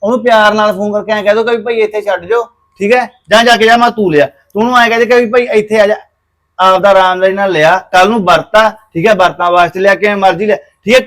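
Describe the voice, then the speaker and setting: An actor playing a hot-tempered young brother in a family drama, insistent and repeating himself. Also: male voice, sits high, steady tone, fast talker, fairly bright tone. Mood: angry insistent. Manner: insistent, repeats "theek hai?". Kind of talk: scripted family drama acting.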